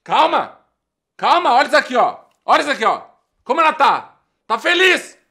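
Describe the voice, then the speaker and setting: A man playing a jealous, shouting ex-boyfriend. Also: very high-pitched, expressive, normal speed, voice pushed up. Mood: frantic jealousy. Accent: Brazilian. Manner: loud, frantic, shouting in jealous outrage. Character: heartbroken young man obsessed with his happy ex.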